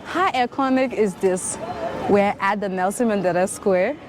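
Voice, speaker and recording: A woman's voice: mid-range voice, moderate pace, over a noisy crowd. A young woman with a West African accent chatting casually and teasingly for a travel vlog, full of exclamations. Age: young adult. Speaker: visiting vlogger. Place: outdoors in a city square. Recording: noisy outdoor city street.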